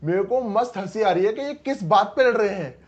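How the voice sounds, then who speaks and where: Young male contestant, high and quick, excitable, muffled dull sound. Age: young adult. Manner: excitable, laughs while talking. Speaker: reality show contestant guest. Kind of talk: casual storytelling chat.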